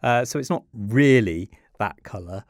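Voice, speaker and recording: A man hosting a science podcast, chatty and playful, often pausing on fillers. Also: lowish voice, expressive, no echo, studio quality. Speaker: podcast host. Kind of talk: casual science chat.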